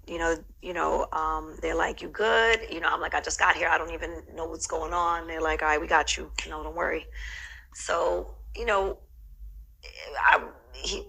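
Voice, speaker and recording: Middle-aged woman, bright and edgy tone, storytelling guest with lots of fillers. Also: low-pitched, vocal fry, low-quality recording. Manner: reflective, heavy with "you know" fillers. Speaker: interview guest. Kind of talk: casual storytelling interview.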